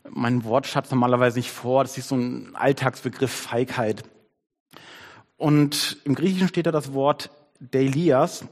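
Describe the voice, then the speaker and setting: A man preaching a conversational sermon on his worship team's behalf, shifting his pace and dropping to soft tones. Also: mid-range voice, long reverb tail. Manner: conversational, varies pace, softens to near-whisper. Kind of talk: sermon with a storybook reading.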